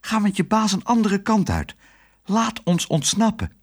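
A man voicing a brave little girl who pleads in a high, urgent voice. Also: big pitch swings, unhurried, husky, heavily acted. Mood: coaxing. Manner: high, pleading, stammers when scared.

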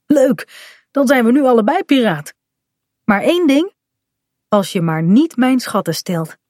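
A woman voicing a lively, bold little pirate girl in a children's storybook, eager and bright. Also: fairly high pitch, a little slow, dry recording, clean studio sound, pitched above the performer's own voice. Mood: excited.

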